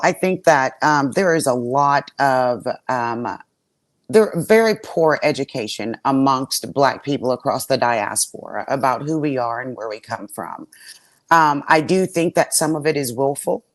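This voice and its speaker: A woman with a notably low voice speaks as a guest on a talk panel. She opens hesitantly, full of ums, then builds into forceful, pointed statements. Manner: hesitant start with many fillers, then forceful. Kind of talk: podcast panel discussion.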